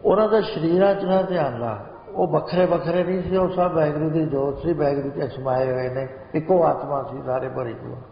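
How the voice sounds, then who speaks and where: A male preacher speaks a spiritual sermon in a slightly high voice, breaking into slow, sung lines of scripture. The sound is dull and lo-fi, with a long echo from a large hall and faint ambience behind him. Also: gravelly, slight background noise. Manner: slow chanting of sacred lines within speech. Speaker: Sikh preacher. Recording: echoey hall, muffled lo-fi sound.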